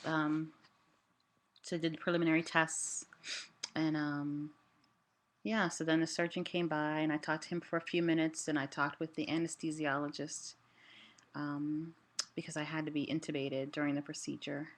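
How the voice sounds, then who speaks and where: A woman giving a casual personal update in a halting way, her voice limited in range and altered by a sore, swollen throat after surgery. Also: low-pitched, flat delivery. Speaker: vlogger sharing a health update. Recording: clearly noisy room ambience.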